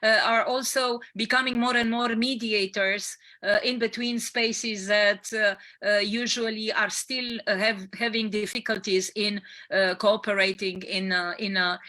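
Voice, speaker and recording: Bright-voiced woman moderating a panel. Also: mid-range voice, fairly even intonation. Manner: halting, many fillers. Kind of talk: panel discussion.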